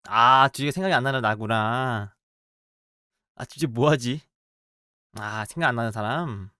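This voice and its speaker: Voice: medium pitch, a little slow, bright, forceful tone, clear, resonant tone, no echo, clean studio sound. A game streamer chatting casually, muttering to themselves and reacting playfully while drawing in a party game. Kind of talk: casual let's-play commentary while drawing.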